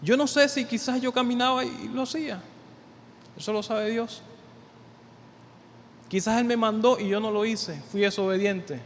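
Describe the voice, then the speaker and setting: A man's voice: sits high, fairly even intonation, moderate pace, pauses often. A man preaching a conversational sermon, often repeating words as he builds his points. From Venezuela. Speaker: church leader preaching. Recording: reverberant hall with faint noise.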